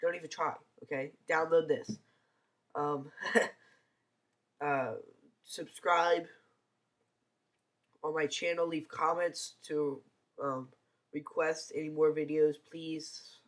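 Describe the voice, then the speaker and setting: A congested teenager with a cold does a casual screencast review of software through a computer mic, hesitant and full of ums. The mid-range voice keeps fairly even intonation, goes slowly, and pauses often.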